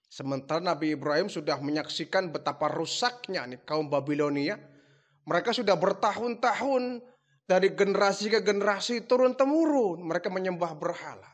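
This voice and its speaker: A male preacher delivering a sermon as a dramatic story, switching easily between narration and acted lines. His voice sits high and moves with lively energy.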